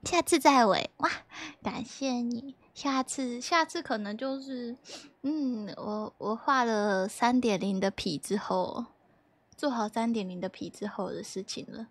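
Young woman, livestream chat, giggly and playful, slightly high voice, dry close sound. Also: a little slow, no echo. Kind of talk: casual chat with viewers.

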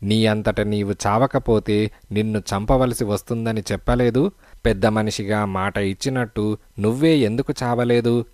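A man's voice: on the low side, fairly even intonation, moderate pace, a little mellow, dry recording, clean studio sound, natural voice. A man reading the part of an angry, menacing male killer in an audiobook, speaking threateningly.

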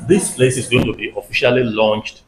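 A man's voice: mid-range voice, fairly even intonation, brisk. An upbeat man with a West African English accent runs an on-location interview vlog. His voice carries through an echoey indoor room, with faint background noise under it. He echoes each answer back in his own words. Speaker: travel vlogger interviewing staff. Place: indoor restaurant and office.

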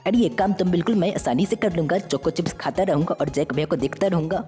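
A woman voicing a cheeky, excitable young sidekick. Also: lowish voice, quick pace, lightly acted. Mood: playful. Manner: jokey, excited, teasing. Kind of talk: fan-made game story dub. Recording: reverberant with faint music.

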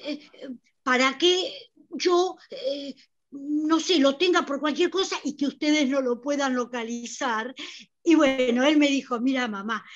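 Over a video call, a woman with a high-pitched voice performs in an amateur theatre play as a talkative elderly mother who rambles and begs. She has a Rioplatense Spanish accent and uses lots of hesitant fillers, and the recording sounds muffled.

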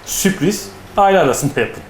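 A man's voice: high voice, lively intonation, normal speed. Man explaining in an echoey room. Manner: storytelling with acted-out dialogue. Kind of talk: casual explanatory talk. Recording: echoey room with faint noise.

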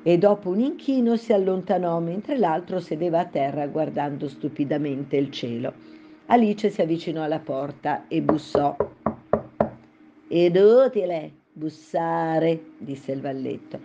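A woman narrating a fairy tale in a calm, even storybook reading. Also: low voice, moderate pace, dull audio, background noise.

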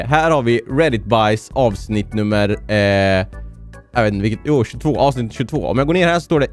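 Young man swearing through casual reaction chat. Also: mid-range voice. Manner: swears casually, mixes English phrases. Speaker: YouTuber reacting to videos.

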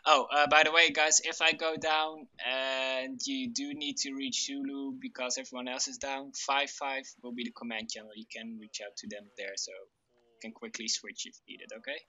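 Very sharp-voiced man briefing his team. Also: medium pitch, little pitch movement, moderate pace. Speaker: team leader in military game. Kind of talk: casual tactical briefing. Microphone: gaming voice chat. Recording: dull online voice chat.

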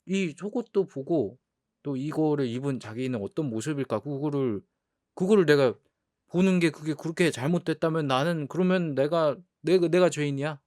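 Man playing a slow-paced, playful young boyfriend, close dry sound. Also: medium pitch, no echo. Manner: halting, repeating words, protesting conversationally. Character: playful, defensive young boyfriend shopping with his girlfriend. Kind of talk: boyfriend role-play ASMR audio drama.

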